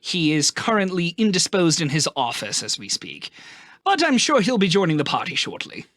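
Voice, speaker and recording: A man's voice: a little high, sing-song, normal speed, a bit bright, no echo, studio quality. A man voicing a patronizing noble duke who speaks with stiff, formal courtesy.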